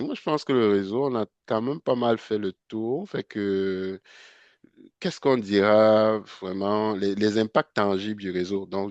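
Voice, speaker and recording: A man hosting a casual interview, chatty and quick to laugh, halting with fillers. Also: fairly low pitch, a little mellow, dry recording. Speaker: host. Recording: dull, dry lo-fi sound.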